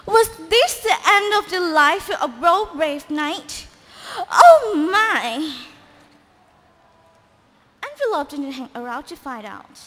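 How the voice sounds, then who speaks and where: A woman reads a children's storybook aloud in a high, bright voice. Her pitch leaps up and down with lively expression, and a long hall echo follows her. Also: a little slow, hardly any pauses. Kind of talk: readers' theatre storybook narration. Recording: echoey hall.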